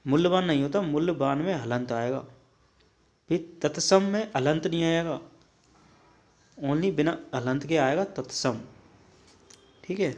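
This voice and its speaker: A young man with a slightly raised pitch works through a spelling drill, word by word. He says the wrong form, then the right one, halting on hard syllables and checking in with a quick "okay" between items. The delivery is a steady, repetitive classroom style. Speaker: Hindi teacher. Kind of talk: spelling lesson for exam prep.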